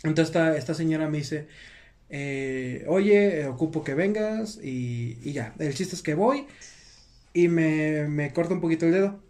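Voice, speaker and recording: A young man with a Mexican Spanish accent tells a story on a podcast. His voice sits fairly high, and his talk is slangy and casual. He laughs often and acts out the voices he quotes. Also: measured pace, a little mellow. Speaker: podcast guest.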